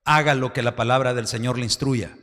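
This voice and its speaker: A pastor preaching a sermon fervently, often dropping into a confiding tone. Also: male voice, medium pitch, steady tone, a little fast, fairly bright tone. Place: church hall. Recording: reverberant church hall.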